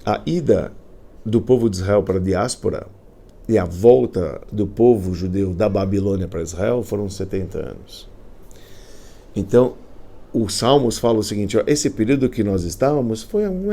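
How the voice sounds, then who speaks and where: With a voice on the low side and a moderate pace, a man teaching a class as a rabbi recounts a Talmud story. The lesson is casual, animated and colloquial, with slang and restarts.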